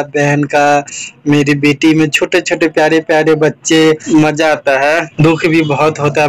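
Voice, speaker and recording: A man's voice: fairly high pitch, low-quality recording. A young man chatting casually to his vlog camera in a wistful, reflective way. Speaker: vlogger.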